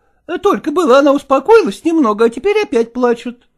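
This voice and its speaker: A woman's voice: high voice, very animated, brisk. A woman doing a fussing, scolding mother. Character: middle-aged mother, fussing and protective.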